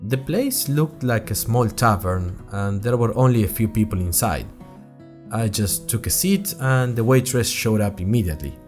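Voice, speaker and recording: Soft music plays behind a lowish, natural-sounding male voice at a normal pace. He voices a curious student journalist hosting a made-up podcast, telling his own adventures in a chatty, wry, expressive first-person script.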